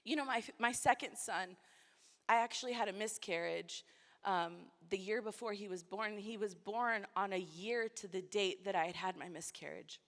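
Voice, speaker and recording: A woman's voice: medium pitch, moderate pace, fairly bright tone. A woman preaching a sermon to a conference, emotional and close to tears at times. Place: large church hall. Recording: long church hall reverb.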